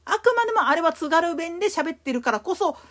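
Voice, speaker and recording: A woman with a Kansai accent giving a solo explanatory talk as a podcast host, emphatic in her delivery. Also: fairly quick. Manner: explanatory, emphatic, lively pitch swings.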